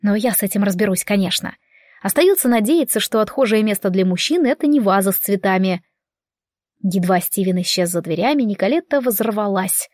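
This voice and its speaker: A woman reading a story aloud in first person, wry and lively. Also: mid-range voice, fairly quick, no echo, clean studio sound. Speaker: audiobook narrator.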